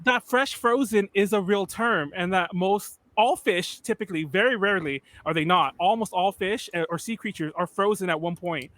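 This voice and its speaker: Brief: young male podcast co-host, high voice, rambling crude banter. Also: normal speed, few pauses, fairly bright tone, dry recording. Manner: rambling, crude joking, laughs often. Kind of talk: casual chat among friends.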